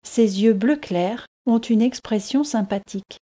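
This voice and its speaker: A woman narrating a story for language learners in a calm, evenly paced, scripted reading. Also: a little high, measured pace.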